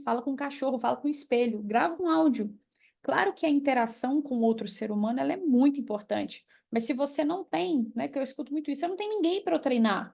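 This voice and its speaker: A young Brazilian woman with a Brazilian Portuguese accent, coaching environmental professionals on learning English, lively and emphatic as she works through examples. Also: high voice, gravelly. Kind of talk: online class or mentoring talk.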